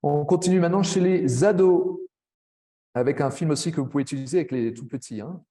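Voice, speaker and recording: A man giving a webinar presentation to language teachers, chatty, with frequent tag words and quick asides. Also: fairly high pitch, warm tone. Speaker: French language teacher trainer.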